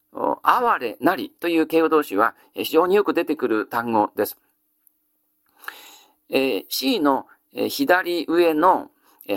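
Male lecturer, animated and fairly high, stretched "eh" fillers between phrases. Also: no room sound, clean studio sound. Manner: frequent drawn-out "eh" fillers. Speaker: teacher. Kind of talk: explanatory lecture.

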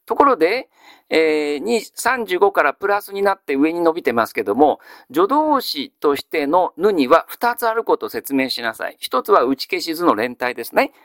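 A male teacher giving a grammar lesson. He asks a question, then answers it himself in a measured way. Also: on the high side, big pitch swings, fairly bright tone, no echo, clean studio sound. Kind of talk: classical Japanese grammar lesson.

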